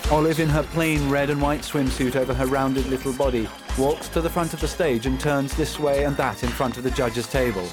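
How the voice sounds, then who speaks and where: Man, audio description narrator, scripted, measured delivery, medium pitch, film music in background. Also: fairly even intonation.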